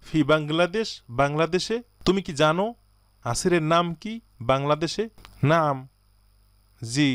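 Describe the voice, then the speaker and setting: A man teaching an Arabic lesson, who reads phrases slowly and then explains them at a quick pace. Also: on the high side, a bit bright, smooth, dry recording. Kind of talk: recorded language lesson.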